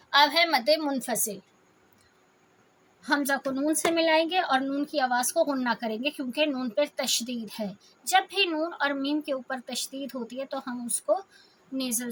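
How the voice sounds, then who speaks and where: A woman teaching a Quran reading lesson, explaining each rule patiently and slowly drawing out syllables to demonstrate them. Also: sits high, a little hiss or hum. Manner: patient step-by-step explaining, slowly stretching out sounds as examples.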